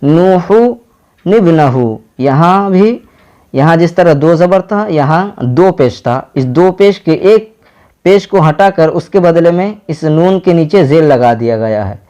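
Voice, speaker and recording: A man's voice: on the high side, animated, slow pace, dark tone, muffled recording. A man with an Indian accent teaching Quran reading, spelling out each letter and vowel mark syllable by syllable before blending them into words. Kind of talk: slow step-by-step lesson.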